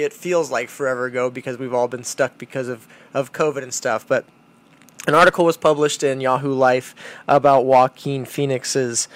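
A man hosting a podcast with casual commentary, halting and rephrasing as he goes. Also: mid-range voice. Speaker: podcast host.

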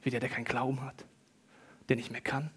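A middle-aged male pastor preaching a sermon, swinging between hushed, intimate tones and loud, excited bursts. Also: mid-range voice, fairly quick, slightly rough.

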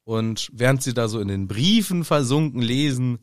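A man co-hosting a casual podcast, animated and quick to get worked up and joke. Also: medium pitch, no echo, studio quality. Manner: animated, gets worked up, jokes. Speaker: podcast co-host. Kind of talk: casual chat about a book.

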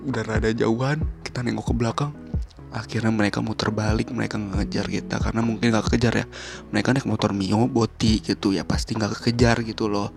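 A man tells a story as a caller, chatty and lively, acting out the shouts. His voice has a gravelly, creaky edge. Music plays clearly behind him. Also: fairly low pitch, brisk. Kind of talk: casual storytelling. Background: music playing.

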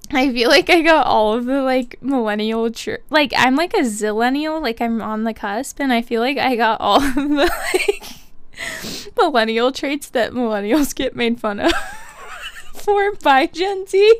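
A woman's voice: high-pitched, animated, unhurried, clear, resonant tone, no echo. Giggly young woman podcast host. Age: 20s. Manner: giggly, laughs often, says "like" a lot. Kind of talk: casual podcast chat.

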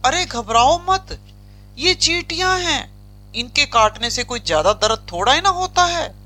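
A woman's voice: sits high, lively intonation, a little slow, bright, forceful tone, voice pushed up, full character voice. A woman voicing a teasing male magician who scolds in a chiding, matter-of-fact way. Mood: offhand.

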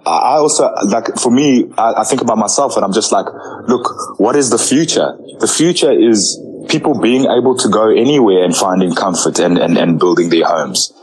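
Low-voiced Zambian-born man, halting interviewer. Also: a little mellow, slight background noise, low-quality recording. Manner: halting, many restarts and fillers. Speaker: interviewer and music producer. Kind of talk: casual interview chat.

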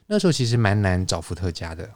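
Low-voiced man explaining at length. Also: very animated, fast talker, darkish tone, dry recording. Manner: explanatory, lecturing with fillers and restarts. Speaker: podcast host, wine lecturer. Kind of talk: casual conversational podcast.

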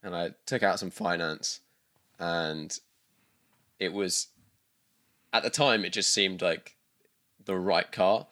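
A man's voice: sits low, fairly even intonation, slow pace, long pauses, fairly bright tone. A man from the UK in his thirties, chatting casually as a guest, rambling with many restarts and fillers. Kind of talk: casual interview chat.

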